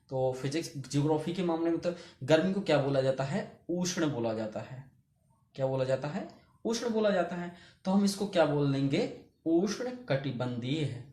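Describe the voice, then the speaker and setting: A man's voice: a little high, warm tone, roomy sound. A man teaching a geography lesson who keeps asking the class questions and answering them himself. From India.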